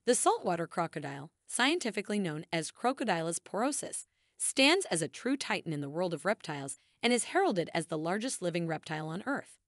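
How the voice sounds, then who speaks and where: A woman narrates in the manner of a nature documentary, scripted and formal. Her voice sits a little low, yet it rises and falls widely as she stresses grand phrases. The sound is dry, with very little room in it. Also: sing-song, brisk, no room sound.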